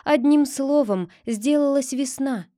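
A woman narrating a fairy tale aloud in a calm, even storytelling manner. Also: high-pitched, unhurried, no echo, clean studio sound.

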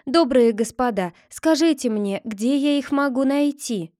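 Woman voicing a timid young girl, pleading, soft, storybook, dry close sound. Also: high voice, measured pace, no room sound.

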